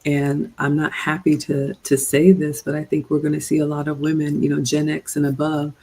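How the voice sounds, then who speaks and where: A middle-aged woman from Ghana hosts a livestream as a relationship coach, lecturing her female viewers in an earnest, preachy way. Her voice is dark and gravelly, with a fairly flat, even delivery. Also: sits low, normal speed, rough recording. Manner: earnest, preachy, addresses "ladies" directly. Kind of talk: livestream commentary with viewer shout-outs.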